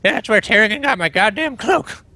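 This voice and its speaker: Man putting on a grumpy old man, bright voice. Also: high voice, lively intonation, a little fast, pitched above the performer's own voice, heavily acted. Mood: indignant. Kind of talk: tabletop role-play acting.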